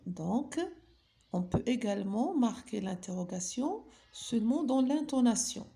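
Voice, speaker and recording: A woman's voice: fairly high pitch, lively intonation, unhurried, creaky, dark tone. A woman teaching a grammar lesson, patiently asking her pupils questions and then answering them herself. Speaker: French teacher.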